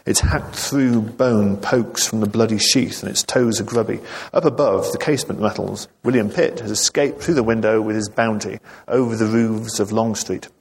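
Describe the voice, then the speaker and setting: Guy reading his book out loud to a crowd, lowish husky voice, big echoey hall. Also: steady tone. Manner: measured, clear storytelling with dry asides. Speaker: author reading his novel aloud. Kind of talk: live literary reading. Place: hall with a live audience. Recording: long reverb of a large hall.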